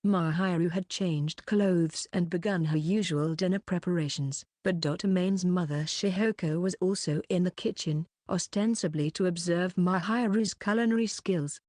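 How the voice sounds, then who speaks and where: A woman reading a light novel aloud in an even, unhurried storytelling manner, close to the mic. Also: on the low side, no room sound. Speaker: audiobook reader.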